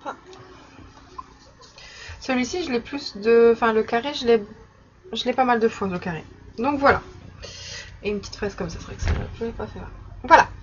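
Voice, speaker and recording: A young woman casually chatting in her vlog while showing stickers she bought, with many fillers and soft laughs. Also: fairly high pitch, normal speed, long pauses. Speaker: vlogger. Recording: slightly dull recording with faint background noise.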